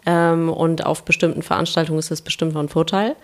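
A woman from Kiel talks with her co-host in relaxed, thoughtful conversation. Her voice sits a little low, and she muses aloud with a light touch of humor. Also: brisk. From Kiel, Germany. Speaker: podcast co-host. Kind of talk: casual chat.

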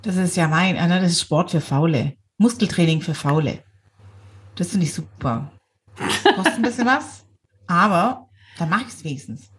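A middle-aged woman from Swabia with a Swabian German accent, chatting casually, lively and self-mocking, laughing often. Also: fairly low pitch, normal speed. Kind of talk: casual chat.

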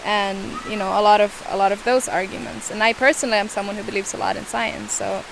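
A young woman whose first language isn't English answers interview questions thoughtfully, hesitating, searching for words, and restarting often. Her voice is medium-pitched, gravelly, and fairly even, with a quick pace and background noise.

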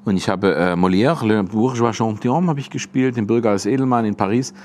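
Speaking fairly quickly in a lowish voice, this man is a German comedian with a Standard German accent. His talk is casual, and he brings his anecdotes to life by acting out the quoted lines.

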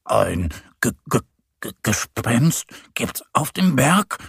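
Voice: medium pitch, measured pace, a bit bright, husky, no echo, studio quality, heavily acted. A storyteller voicing a shy little bear cub who stammers and hesitates nervously. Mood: timid. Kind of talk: children's story reading.

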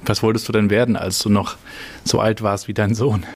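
A man's voice: on the low side, little pitch movement, fairly quick, no echo. A middle-aged man hosting a podcast, chatty and friendly, with frequent fillers. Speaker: podcast host. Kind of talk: casual interview chat.

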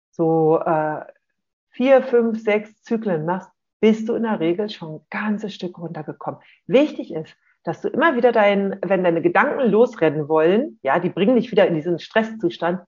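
A parenting coach giving a calm, explanatory talk to parents and often checking in with a short "ja?". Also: medium pitch. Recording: dull lo-fi recording.

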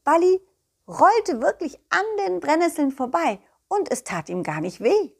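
A woman narrates a children's story in the first person, taking her time. Her voice is lively and swoops up and down. She sounds playful and giggly between the lines. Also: sits high, unhurried, gravelly.

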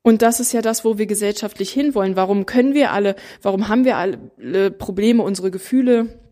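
A woman in her thirties speaks casually and directly to her viewers. She is animated and emphatic. She often acts out the voices of other people. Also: medium pitch, a little fast. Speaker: mother of three. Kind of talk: casual talking to camera.

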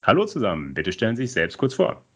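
A man's voice: on the low side, wildly swooping pitch, quick pace, breathy edge. A man hosting a podcast, reading a scripted introduction and putting questions to his guests, with playful wordplay. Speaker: podcast host.

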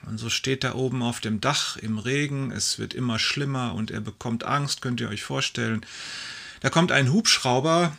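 A man's voice: mid-range voice, normal speed, creaky, bright, forceful tone. A man telling long jokes in a leisurely storytelling manner with many fillers, briefly acting out the voices of the characters. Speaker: joke teller.

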